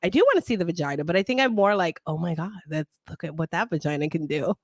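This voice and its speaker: A woman's voice: fairly low pitch, quick pace, dry recording. Podcast host, woman, native Italian speaker; bubbly, casual, dry close sound. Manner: bubbly, laughs often. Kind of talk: casual chat.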